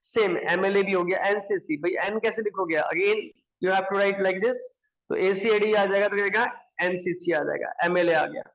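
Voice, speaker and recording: Guy teaching grammar, keeps asking then answering himself, high voice, kinda muffled audio. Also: normal speed, fairly bright tone. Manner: explains step by step, asking and answering his own questions. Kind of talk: classroom explanation.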